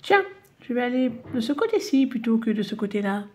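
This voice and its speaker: A woman's voice: on the high side, sing-song, brisk. A woman voicing a small, cute and very stubborn lady in a storybook reading, insistent and defiant. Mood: chirpy.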